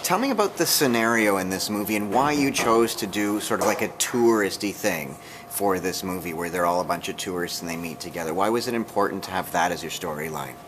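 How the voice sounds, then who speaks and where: Male interviewer, lowish voice, effusive fan-style questioning, clear background noise. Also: lively intonation, brisk, hardly any pauses. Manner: effusive, fannish. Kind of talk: casual entertainment interview.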